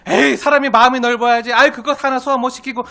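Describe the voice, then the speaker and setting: A man's voice: very high voice, steady tone, fast, gravelly, pushed and bright, voice pushed up, full character voice. A preacher acting out a flippant man who waves off his hurtful jokes with dismissive, whiny teasing.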